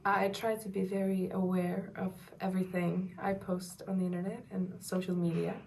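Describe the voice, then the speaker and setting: A woman's voice: lowish voice, little pitch movement, moderate pace, creaky, a little mellow, a little hiss or hum. A young woman answering interview questions in a matter-of-fact way. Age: teens or young adult.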